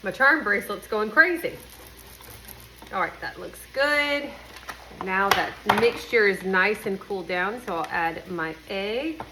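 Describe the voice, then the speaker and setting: A woman's voice: mid-range voice, animated, unhurried. A woman with a nasal, congested voice, chatting casually and folksily to viewers in a bubbly cooking vlog. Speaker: home and cooking vlogger. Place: home kitchen. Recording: kitchen noise, sizzling pan. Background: frying, sizzling, stirring.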